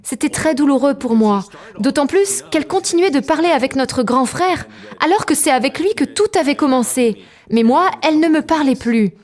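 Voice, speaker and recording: A woman giving a calm, measured personal testimony as a translated voice-over. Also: sits high. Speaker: testimony narrator.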